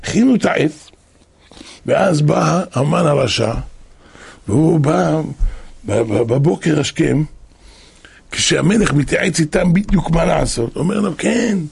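A man preaching a religious story in a dramatic way, acting out voices and breaking into shouts, with a very husky, gravelly voice. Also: a little high, lively intonation, pauses often, dry recording. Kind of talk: animated storytelling sermon.

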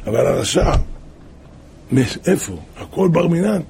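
Brief: male preacher, folksy storyteller, gravelly voice, faint noise behind. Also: fairly high pitch. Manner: animated folksy storytelling with rhetorical questions. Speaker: religious preacher. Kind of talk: parable storytelling sermon.

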